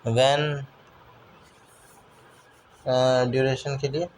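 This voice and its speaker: A man teaching English question words. He reads the English example sentences slowly and clearly, then explains them quickly in Hindi, often checking with "है ना?". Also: medium pitch, flat delivery, a little hiss or hum, rough recording. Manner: keeps asking "है ना?" to check understanding. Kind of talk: spoken English lesson in Hindi.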